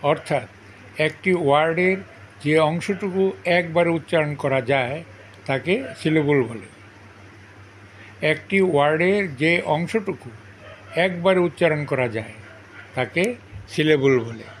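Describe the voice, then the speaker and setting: A man gives a grammar lesson at a very slow, deliberate pace, his voice sitting a little on the high side. He says every definition twice and splits words into syllables one by one, in dictation style. A faint hum of background noise sits under the recording. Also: low-quality recording. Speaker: English grammar teacher.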